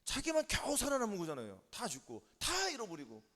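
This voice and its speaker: The long echo of a church hall surrounds this sermon by a male pastor. With a very high, animated voice that swings up and down in pitch, he preaches rapidly and emphatically. He keeps repeating himself and pressing the congregation with quick yes-or-no questions and calls of amen.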